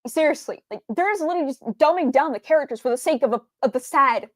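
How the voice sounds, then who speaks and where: A woman's voice: high-pitched, lively intonation, quick pace, no echo. A young adult woman streamer doing game reaction commentary, ranting in an exasperated tone and swearing freely.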